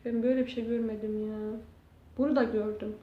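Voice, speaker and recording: A woman's voice: a little high, little pitch movement, a little fast. A woman YouTuber venting in a casual vlog, exasperated and swearing as she shows damage to her room. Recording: dull, echoey room sound.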